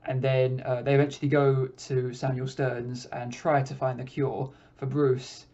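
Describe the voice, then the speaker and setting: A man hosting a podcast, giving a casual, relaxed film review with frequent hesitations. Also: mid-range voice, measured pace. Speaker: podcast host reviewing films. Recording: dull lo-fi recording.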